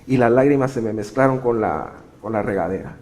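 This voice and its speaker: A middle-aged man preaching a sermon, telling a personal story with sudden swings between loud emphasis and hushed passages. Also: medium pitch, fairly quick. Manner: animated, shifting sharply between loud emphasis and quiet. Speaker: pastor.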